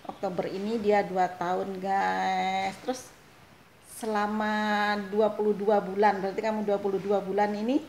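A woman's voice: mid-range voice, little pitch movement, a little slow, darkish tone. A woman from Indonesia, chatting casually to her viewers in a vlog and laughing often. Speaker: vlogger. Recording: echoey room, faint noise.

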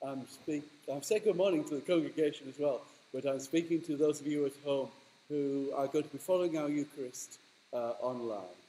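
A man's voice: fairly high pitch, fairly quick, dark tone, low-quality recording. A middle-aged man, a kindly parish priest, giving an informal welcome to his congregation before a church service. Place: inside a stone church.

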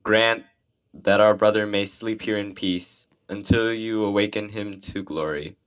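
A man leading a graveside burial prayer, reciting liturgy in a solemn, measured way. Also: fairly low pitch, steady tone, clear, resonant tone, highs cut off. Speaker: priest.

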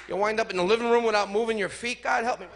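Rapid-fire and slightly bright, a high-pitched man keeps his intonation fairly even through a brash, profane stand-up set, poking fun at the crowd. This comedy club performance was recorded live, with noise from the room.

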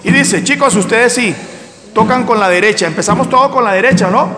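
A man's voice: sits high, brisk, crowd noise. A male music instructor leading a percussion class, counting out rhythms and chanting syllables for his students to follow. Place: community hall. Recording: echoey hall with drums. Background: drums and percussion playing.

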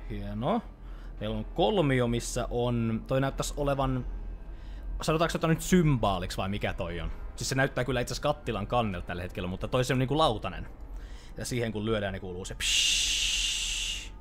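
A man's voice: mid-range voice, expressive. A young Finnish man commentating a horror game as he plays, chatty and easily startled, swearing when scared. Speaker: let's play host. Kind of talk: live gameplay commentary.

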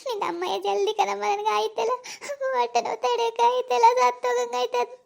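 A woman's voice: extremely high pitch, level tone, fast talker, gravelly. A woman doing a whimpering pregnant young woman. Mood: pained pleading. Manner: whimpering, pleading, soft. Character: young pregnant village woman in labour pains. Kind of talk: cartoon voice acting.

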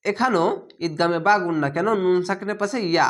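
A man teaching Quran reading, spelling out each syllable and drawing the words out in slow chanted recitation between plain explanations. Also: sits high, a bit bright.

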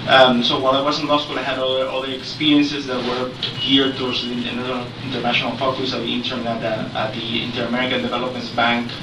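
A middle-aged man from Peru with a Peruvian Spanish accent, speaking unscripted as a panelist with many pauses and restarts. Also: mid-range voice, monotone. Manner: hesitant, many fillers and restarts. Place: large conference room at a panel table. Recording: echoey room, distant mic, noisy.

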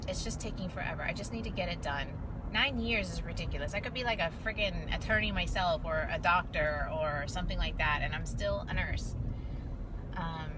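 A nurse in her late thirties vlogs from a parked car in daytime, chatting and venting to viewers in a rambling, casual way. She's recorded on a phone camera at arm's length with vehicle noise around her medium-pitched, pushed, bright voice.

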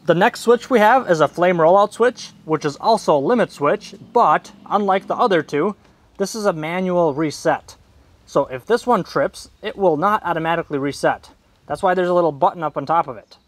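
Speaking at normal speed in a high-pitched voice, a man in his thirties hosts a DIY repair video from a table in a leafy garden. He demonstrates the work step by step in informal, plain language through a clip-on wireless mic on his chest.

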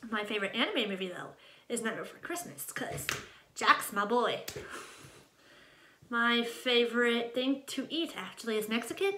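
A nineteen-year-old American from Ohio hosts a casual vlog, introducing herself while chatting rambly to camera and often interrupting herself. Her slightly high voice is expressive, bright and forceful at a normal pace, with a little hiss or hum on a recording made in a small, untreated, echoey room at home.

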